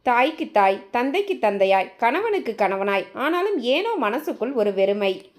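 A woman with a slightly high voice narrates a short story aloud. Her pitch moves a lot as she tells it, and she gives the characters' lines some life of their own. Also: unhurried. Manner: expressive, lively storytelling with voiced dialogue. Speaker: storyteller and channel host.

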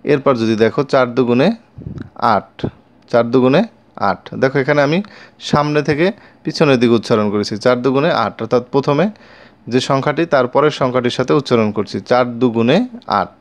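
Man slowly reciting times tables. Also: medium pitch. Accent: Bengali. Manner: slow, repeats each multiplication line twice; addresses pupils directly with questions. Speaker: math teacher. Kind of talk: recited times-table lesson for young children.

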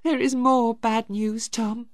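Woman doing a tearful teenage girl pleading, really high-pitched, slow and dry storybook read. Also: no room sound. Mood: distraught. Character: distraught teenage girl, grieving sister. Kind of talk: storybook reading.

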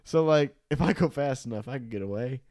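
A man's voice: medium pitch, darkish tone, no room sound, clean studio sound. A man hosting a podcast chats casually, swears freely, chimes into his guest's story and laughs often. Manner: profane, quick to laugh, chiming in. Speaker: podcast host.

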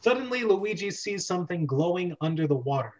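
A young adult man hosts a script reading club from his bedroom on a video call, reading stage directions and chatting casually. His voice sits high with big pitch swings and a fairly quick pace, over dull lo-fi webcam audio.

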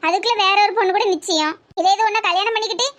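A sharp-tongued old village granny in a cartoon comedy, voiced by a performer, with a thick Tirunelveli Tamil accent and a piercing, squeaky-high voice. she talks in a matter-of-fact way and scolds without softening anything. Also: rapid-fire. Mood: scolding. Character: elderly village grandmother, blunt and scolding.

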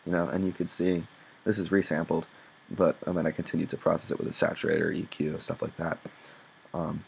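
A young music production presenter talks fairly fast in a low voice with vocal fry and little pitch movement, and a slight hiss or hum sits underneath. His tutorial is loose and unscripted, peppered with swearing and self-deprecating jokes.

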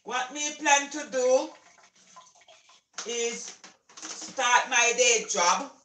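An older Jamaican woman talks freely to her camera while she cooks, with a bright, high voice. Her speech drifts into patois, and laughter breaks through it. The phone sits on the counter, and the kitchen gives the sound an echo. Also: very slow, slight background noise. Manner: chatty, mixes patois into speech, laughs often. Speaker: cooking vlogger. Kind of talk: casual chat while cooking. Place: home kitchen. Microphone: phone camera set on the counter.

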